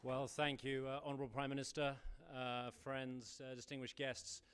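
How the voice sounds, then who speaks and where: Smooth-voiced man giving a speech. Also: mid-range voice, flat delivery, normal speed. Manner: warm, enthusiastic, with frequent ums and uhs. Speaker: diplomat giving a dinner speech. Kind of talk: formal after-dinner speech.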